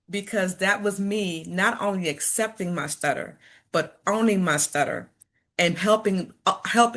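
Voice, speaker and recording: A medium-pitched, fairly bright voice belongs to a middle-aged woman from Chicago, United States. Working as a motivational speaker, she delivers a personal talk to an audience, earnest and encouraging, with stutters and repeated words.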